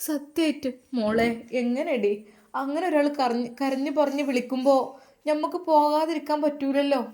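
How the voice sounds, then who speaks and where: A woman voicing a gentle, caring middle-aged woman with a Malappuram accent and a soft, reassuring way of talking. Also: sits high, fairly even intonation, moderate pace, natural voice. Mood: tender. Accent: Malappuram Malayalam.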